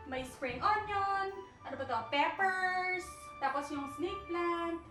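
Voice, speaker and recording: A young woman vlogger casually tours her apartment at night, speaking slowly in a very high, bright, forceful voice. She rambles, searches for words, and mixes in English. The mic is distant, she's off-mic in an echoey room, and faint music plays.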